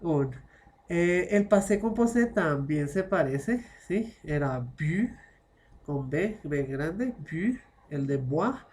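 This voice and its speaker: A woman's voice: low-pitched, expressive, slow, darkish tone, a little hiss or hum. A woman teaching a French class online, explaining patiently and constantly checking understanding with short tag questions. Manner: explains patiently, mixing French phrases into Spanish.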